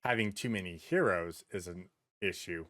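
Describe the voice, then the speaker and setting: This podcast co-host talks casually and bluntly, full of swearing and repeated words, trading anecdotes and opinions. His voice sits low with a fairly bright tone and a moderate pace. There's no echo on the recording.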